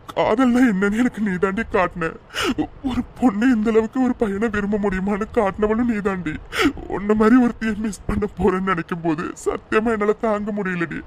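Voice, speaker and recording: A man's voice: sits high, close to an everyday voice. A man voicing a guilt-ridden young lover in a cartoon drama, apologizing through tears. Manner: apologetic, tearful, repeating "sorry".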